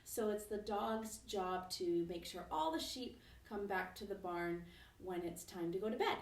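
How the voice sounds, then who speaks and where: A woman music teacher leading a children's lesson at home, speaking gently and encouragingly and singing slow, simple verses. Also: medium pitch. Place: home, kitchen nearby. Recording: roomy echo from a distance.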